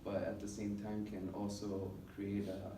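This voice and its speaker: A young adult American man gives an informal speech-class presentation in a flat, low-key way, halting often with filled pauses. The microphone is distant, leaving the recording roomy and noisy, as in a classroom.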